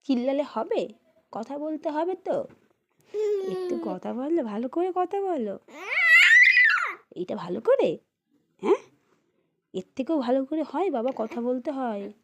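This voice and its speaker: A woman's voice: high-pitched, sing-song, unhurried, long pauses. A young woman, a mother and vlogger, doing baby talk to her infant son in sing-song, coaxing questions. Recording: loud background noise.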